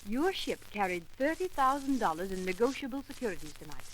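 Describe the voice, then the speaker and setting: Cool, high-voiced old-radio investigator. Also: female voice, sing-song, fairly quick, rough recording. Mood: cool, firm. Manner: formal, precise, unflappable. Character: cool, firm female government investigator. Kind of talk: 1930s American radio drama acting. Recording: old 1930s radio recording, faint noise.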